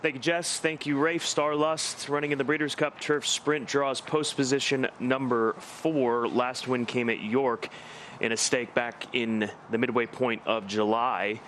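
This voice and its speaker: A man's voice: mid-range voice, level tone, unhurried, a bit bright, slight background noise. A man hosting a live racing broadcast, telling stories about himself with a self-deprecating humor. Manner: joking, self-deprecating storyteller. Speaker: host.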